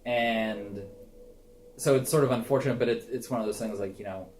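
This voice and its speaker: A man's voice: on the low side, moderate pace, a little hiss or hum. A young man co-hosting a casual movie podcast, chatty and thinking aloud. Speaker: podcast co-host.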